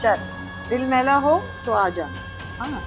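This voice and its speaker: A woman's voice: high voice, lively intonation, takes it slowly. An actress playing a proud young woman who speaks firmly and defiantly. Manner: firm, defiant. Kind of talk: TV serial acting. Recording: background music score.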